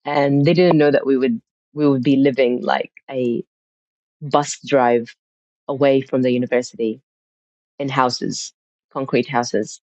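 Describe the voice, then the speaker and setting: Recounting her family history as a podcast guest, a woman from Syria speaks reflectively and conversationally, with frequent restarts. Her bass voice is steady and darkish, a little slow, with frequent pauses. The dry recording has a muffled, lo-fi sound.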